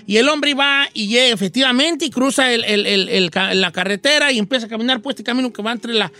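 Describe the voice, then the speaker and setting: A man's voice: very high voice, fast talker, pushed and bright. A man with a Mexican accent hosting a morning radio show, telling a folksy joke story full of slang and asides to the listeners.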